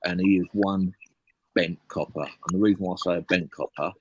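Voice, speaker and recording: A man's voice: sits low, steady tone, brisk, slight background noise, low-quality recording. A man telling a rambling, swear-filled story on a casual live stream. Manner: heavy swearing, blunt rambling anecdote.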